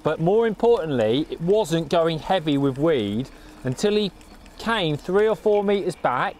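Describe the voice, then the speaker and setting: A man's voice: on the high side, expressive, measured pace, darkish tone, a little hiss or hum. A man, co-presenting in a chatty way, asking questions and talking to viewers, outdoors at a lakeside with a lapel mic. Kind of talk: casual presenting chat.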